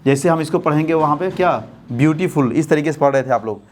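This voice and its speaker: Guy teaching english grammar, kinda high voice, keeps asking the class stuff then answering it himself. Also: a little hiss or hum. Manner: asks the class questions and answers them himself; slow, deliberate dictation when spelling out words. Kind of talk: classroom-style lesson explanation.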